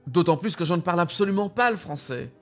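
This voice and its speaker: A man voicing a husband who speaks calmly and quietly in a measured way, in a spoken story. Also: high-pitched, faint music behind. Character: calm, cold husband regaining his memory.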